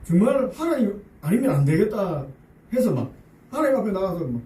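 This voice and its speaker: Lively man preaching in an echoey church. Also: sits high, brisk, slight background noise. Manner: lively and conversational, with rhetorical questions to the congregation; humorous asides. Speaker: pastor. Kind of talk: sermon. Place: church sanctuary. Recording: echoey church room, voice picked up from a distance.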